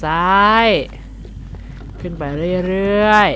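A man commentating a game playthrough, excitable and jokey, explaining English words. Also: high voice, slow pace, slight background noise. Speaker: game streamer. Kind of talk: let's-play commentary.

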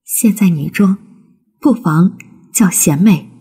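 Brief: a woman playing a young storybook heroine, pleading and emotional, husky tone, slow delivery. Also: lowish voice, warm tone, heavily acted. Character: young woman, devoted and defiant daughter.

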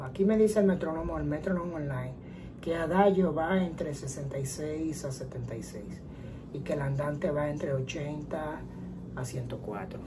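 A woman teaching a guitar lesson, explaining calmly step by step and counting rhythms out loud. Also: sits low, noisy background. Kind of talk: casual music lesson. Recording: guitar and metronome playing behind. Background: guitar playing and metronome clicks.

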